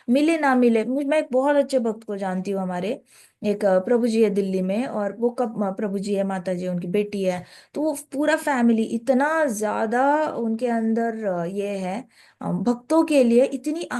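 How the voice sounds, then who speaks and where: A woman's voice: fairly high pitch, warm tone. A woman giving a conversational scripture talk as a devotional speaker, often mixing in English phrases.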